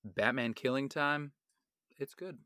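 A man's voice: medium pitch, a little slow, pushed and bright, dry recording, clean studio sound. A man co-hosting a casual comics podcast, speaking in a matter-of-fact, teasing way. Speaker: podcast co-host.

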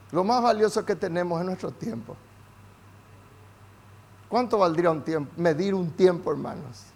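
A man preaching as pastor, moving between intimate asides and loud fervent prayer. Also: high-pitched. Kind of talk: sermon.

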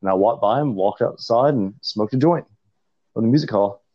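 A man's voice: lowish voice, normal speed. A man co-hosting a casual podcast, laid-back and blunt, telling a crude anecdote. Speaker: podcast co-host. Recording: dull lo-fi sound.

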